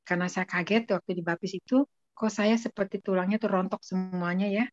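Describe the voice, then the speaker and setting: A woman giving a casual, lively spoken testimony as a guest, often laughing. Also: mid-range voice, fairly quick. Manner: lively storytelling with frequent laughs. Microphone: video call. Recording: muffled dry video-call audio.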